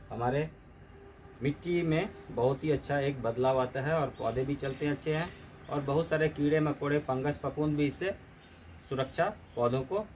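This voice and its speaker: Gardening instructor, male, somewhat high voice, steady and methodical how-to delivery, light background noise. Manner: steady step-by-step explaining, mixing in English terms.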